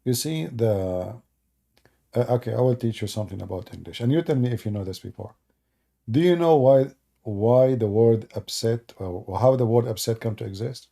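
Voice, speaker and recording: Here a man from the Middle East, a native Arabic speaker, runs a laid-back live stream in broken English. His medium-pitched voice is gravelly yet mellow at normal speed, and he mocks the chat with sarcastic jokes as he responds to viewers.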